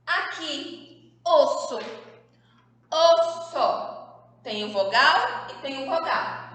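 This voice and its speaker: A woman teaching young children, slowly sounding out syllables and drawing out key words in a recorded lesson. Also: high voice, animated, bright, forceful tone. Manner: slow, sounds out syllables, drawn-out stressed words. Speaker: kindergarten teacher. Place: classroom with whiteboard. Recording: echoey room with long reverb.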